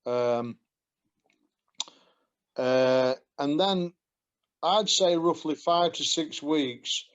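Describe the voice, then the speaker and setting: On a casual video call, a guest with a Yorkshire accent gives a testimonial, telling his story in a rambling, self-deprecating way and chuckling often. His voice sits on the high side, he speaks extremely slowly, and the audio is dull.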